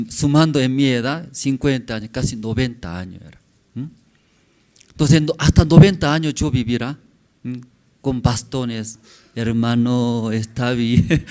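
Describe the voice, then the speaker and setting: A male pastor in his forties preaches a sermon to his congregation at a slow, deliberate pace, his pitch swinging widely. He builds his points in brief, simple, halting phrases and often pauses to ask listeners a quick questioning "mm?".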